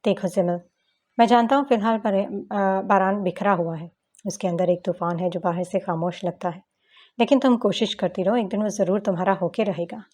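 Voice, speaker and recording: A woman reading an audiobook novel, voicing a serious, gentle young man who gives calm advice. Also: mid-range voice, normal speed, natural voice. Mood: consoling. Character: calm, wise young man comforting a friend.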